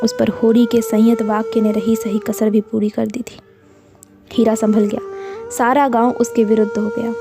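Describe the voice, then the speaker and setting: A woman narrating a classic novel in a steady, earnest storytelling voice. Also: fairly high pitch, normal speed. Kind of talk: reading a classic novel aloud. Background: soft woodwind music.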